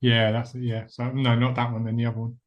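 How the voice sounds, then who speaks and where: A man's voice: medium pitch, monotone, fast talker, lo-fi sound. A man co-hosting a podcast, chatting casually and laughing often at himself. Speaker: podcast co-host. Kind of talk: casual chat.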